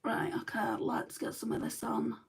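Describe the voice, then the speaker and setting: A middle-aged northern English woman whispers at a moderate pace while doing a makeup livestream. She reads out comments, mutters to herself as she works, and says her back is hurting, keeping things chatty and self-deprecating.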